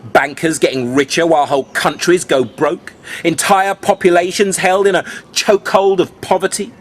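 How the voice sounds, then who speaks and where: A man performing rhyming beat poetry in a cool beatnik manner, with dramatic, drawn-out phrasing, speaking to the listener like a conspiratorial mentor. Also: a little high, steady tone. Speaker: spoken-word poet.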